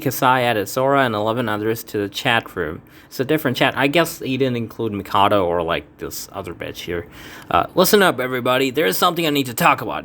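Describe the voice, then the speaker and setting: Here a let's play fan dubber reads a fan game aloud, voicing its characters in a casual playthrough with voiced dialogue. His voice is medium-pitched and fairly bright, and he slips in offhand asides and stumbles.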